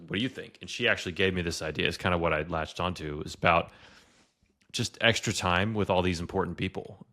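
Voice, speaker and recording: A man with a very low, deep voice co-hosts a podcast in loose, casual chat. He rambles and leans on filler words, talking into a podcast mic. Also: fairly bright tone. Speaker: podcast co-host.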